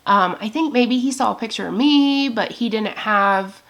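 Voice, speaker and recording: A woman's voice: a little high, moderate pace, a bit bright. A woman in her thirties rambling casually to her camera, telling a long personal story with lots of swearing and quoted asides. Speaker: beauty vlogger. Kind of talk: rambling get-ready-with-me chat.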